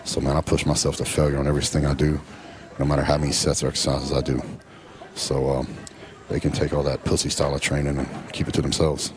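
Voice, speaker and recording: Middle-aged man, rumbling bass voice, relaxed voice-over talk peppered with "uh" and "you know". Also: crowd noise. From Texas. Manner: laid-back, drawn-out with many fillers. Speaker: professional bodybuilder. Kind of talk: casual voice-over narration.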